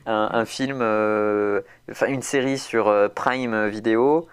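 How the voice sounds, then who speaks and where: A man's voice: on the low side, fairly even intonation, slow, smooth. A man, chatting casually as a podcast co-host, rambling with lots of fillers and restarts. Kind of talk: casual chat.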